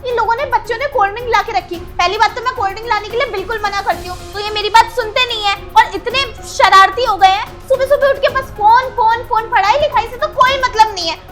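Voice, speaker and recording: A woman acting a sharp-tongued young sister-in-law in a family skit, nagging and repeating herself as she scolds. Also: very high voice, fast, few pauses, over music. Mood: defensive. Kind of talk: amateur Hindi web-skit acting.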